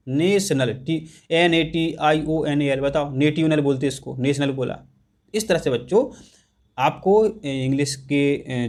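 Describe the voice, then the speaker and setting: A man with a fairly high voice teaches an exam-prep lesson. He goes over each point, repeats it and stresses it for his students. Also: darkish tone. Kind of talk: exam-prep lesson explaining English grammar in Hindi.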